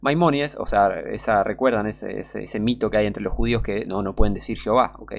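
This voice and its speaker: A man's voice: lowish voice, brisk, creaky. A man with a Rioplatense Spanish accent preaching a sermon, reading passages and breaking off into scornful, emphatic warnings.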